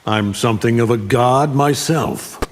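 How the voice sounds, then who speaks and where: A man's voice: mid-range voice, measured pace, lightly acted. An actor playing Omni-Man, an arrogant alien superhuman father in a video game, smug, menacing and condescending. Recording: long reverb, faint background noise.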